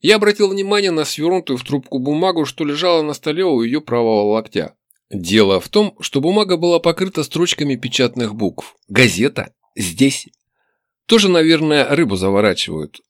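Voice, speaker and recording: A man reading a first-person story aloud in a wry, expressive way. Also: a little high, brisk, no room sound, clean studio sound. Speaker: audiobook narrator. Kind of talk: first-person audiobook narration.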